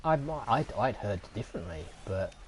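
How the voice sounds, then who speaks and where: A man's voice: fairly low pitch, big pitch swings, moderate pace, slight background noise, low-quality recording. A man chatting sarcastically and swearing while streaming a game. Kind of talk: casual gaming chat.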